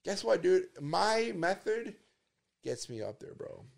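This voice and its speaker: A man's voice: high-pitched, sing-song, slow, gravelly. A man co-hosting a podcast, talking in casual, joking banter and laughing often. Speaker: podcast co-host.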